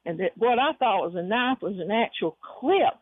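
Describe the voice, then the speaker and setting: A woman's voice: mid-range voice, expressive, moderate pace, slight background noise. Woman caller on a tinny phone line. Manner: chatty storyteller who quotes people. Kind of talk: telling a story on a phone call.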